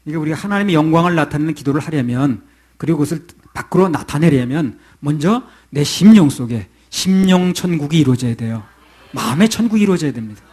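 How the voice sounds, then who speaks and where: A man's voice: fairly high pitch, expressive, quick pace, darkish tone, breathy edge. A male pastor preaching a sermon to his congregation in a conversational way, often asking them questions.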